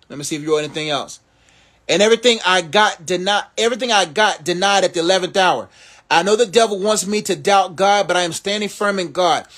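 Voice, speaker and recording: A man's voice: high-pitched, fairly bright tone. A man preaching and motivating viewers in a live social media Q&A, talking to them like family in a rhythmic, sermon-like way.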